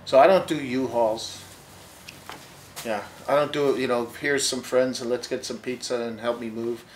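An older man with a laid-back, wry way of talking, sitting in an armchair in a bookstore and speaking into a lapel mic. He is an author and long-haul trucker, and his stories often trail off quieter. A faint noise sits under the voice. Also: medium pitch, fairly even intonation, moderate pace, low-quality recording. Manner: wry, easygoing, drifts quieter as he goes on. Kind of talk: casual interview storytelling.

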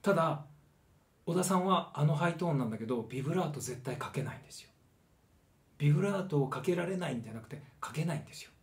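Lively middle-aged male vocal coach. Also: fairly high pitch, fast. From Osaka, Japan. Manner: animated, demonstrates voices while explaining. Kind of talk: one-point singing lesson to camera.

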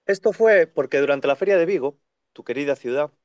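A man in his thirties, a second-hand bookseller, chatting on a video call in an animated way, talking in long runs. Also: fairly high pitch, fairly quick, no room sound, clean studio sound. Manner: animated, talks in long runs and acts out quoted voices. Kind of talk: casual conversational interview. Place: bookshop with full shelves behind. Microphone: video call webcam.

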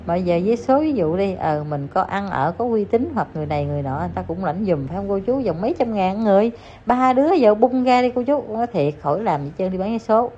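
A woman's voice: medium pitch, expressive, fast talker, few pauses, dark tone, slight background noise. A woman giving casual, gossipy commentary to her viewers in an emphatic, repetitive, scolding manner. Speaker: online commentator addressing viewers. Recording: slightly dull lo-fi audio with faint ambience.

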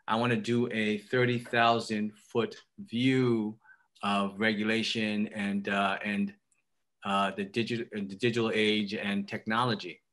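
A middle-aged man with a Queens, New York accent, speaking as a legislator on a group call in a halting way, repeating phrases and posing questions. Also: fairly low pitch, bright, forceful tone. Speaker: state legislator, guest speaker. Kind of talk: prepared remarks on a group call. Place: indoor room at home, on a video call.

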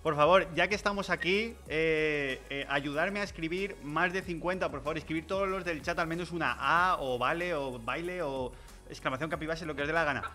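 A man's voice: a little high, fairly quick, bright, forceful tone, faint music behind. A man chatting playfully on a livestream, joking and laughing often. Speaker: miniature painting streamer. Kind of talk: casual livestream chat.

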